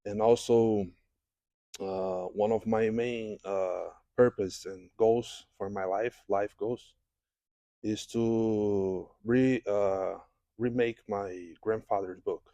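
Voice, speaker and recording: A halting Brazilian man, the guest and a jiu-jitsu head instructor, answers interview questions in a podcast studio in non-native English full of restarts and fillers. His voice is low and mellow, his tone steady, and the recording dry.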